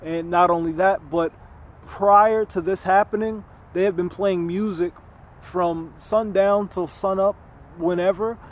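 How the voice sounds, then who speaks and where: A man's voice: high voice, fairly even intonation, a little slow, muffled recording. A man talking through his own story in an earnest, rambling monologue, often restarting and repeating words. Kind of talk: unscripted personal monologue.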